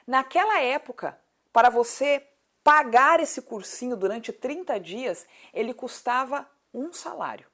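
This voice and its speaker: A 38-year-old city council candidate from Paraná, southern Brazil, answers as an interview guest in a high, animated, somewhat bright voice at a measured pace. Her southern Brazilian accent comes through as she speaks conversationally and emphatically, repeating points and posing rhetorical questions.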